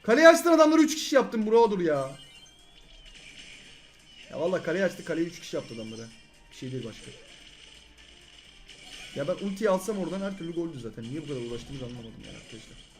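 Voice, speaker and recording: A young man hosting a gaming channel, giving excited live commentary, shouting at teammates and repeating words rapidly. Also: a little high, soft background music.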